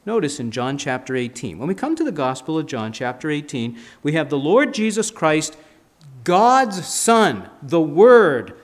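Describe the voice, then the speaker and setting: A man's voice: fairly high pitch, very animated, measured pace. A man in his fifties, a pastor preaching a sermon at a church pulpit with emphatic, gesturing delivery. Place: church sanctuary, standing at a pulpit. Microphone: pulpit mic, filmed by a fixed camera.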